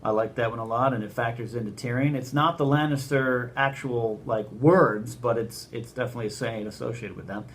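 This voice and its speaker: A man co-hosting a casual chat, enthusiastic and animated. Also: mid-range voice, a little fast, few pauses, a little hiss or hum. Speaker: co-host.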